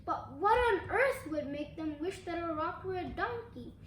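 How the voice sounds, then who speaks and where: A child reading a storybook aloud in a careful, deliberate way. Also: extremely high pitch, expressive, a bit bright. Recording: echoey room, faint background noise.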